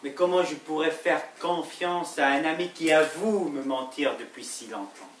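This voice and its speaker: An actor playing a suspicious, jealous husband in a stage play, asking slow, pointed, accusing questions. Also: male voice, a little high, natural voice. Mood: tense, accusing. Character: suspicious jealous husband, middle-aged man. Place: theater stage. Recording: roomy, distant stage recording with faint hiss.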